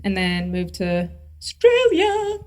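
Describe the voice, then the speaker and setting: A woman's voice: mid-range voice, wildly swooping pitch, slow pace. A woman in her thirties from the former Yugoslavia, co-hosting a casual podcast chat, candid and swearing freely, often laughing. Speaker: podcast co-host.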